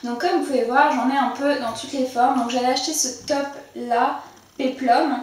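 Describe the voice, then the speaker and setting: A woman's voice: sits high, steady tone, normal speed. A young adult woman vlogger chatting casually through her monthly favourites, with frequent fillers and restarts. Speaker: beauty vlogger. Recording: very echoey room, mic set far off.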